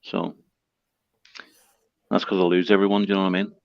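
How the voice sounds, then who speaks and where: A man with a Belfast accent who talks quickly, slurs his words and leans on heavy slang while chatting as a guest on a livestream call. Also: low-pitched, little pitch movement, gravelly, no echo. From Northern Ireland. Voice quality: fast slurred speech with heavy slang. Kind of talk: casual chat. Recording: dull, dry lo-fi call audio.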